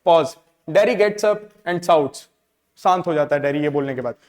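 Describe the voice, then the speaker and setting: A man's voice: fairly high pitch, a little slow, a little mellow. A male teacher explaining a play line by line, often checking in with his students. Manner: explains each line and keeps checking in with "ठीक है". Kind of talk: line-by-line literature lesson. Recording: long hall reverb.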